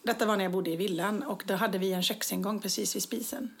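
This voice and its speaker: A woman trades stories in casual conversation. She jumps into voicing her own past reactions, and her voice sits at a middle pitch for a woman. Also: creaky. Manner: lively storyteller, acts out own quotes. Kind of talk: casual chat, telling anecdotes.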